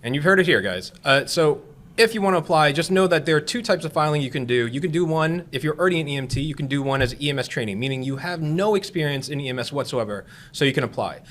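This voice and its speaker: Fast-talking upbeat male podcast host. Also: a little high, expressive, a bit bright. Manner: upbeat, urging listeners to apply. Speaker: podcast host, EMS captain. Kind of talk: casual recruitment podcast talk.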